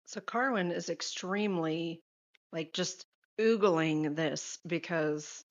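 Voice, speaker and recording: A woman's voice: lowish voice, slow. A woman playing a character in a tabletop game, chatting casually. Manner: casual, rambling. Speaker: player. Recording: dull lo-fi mic.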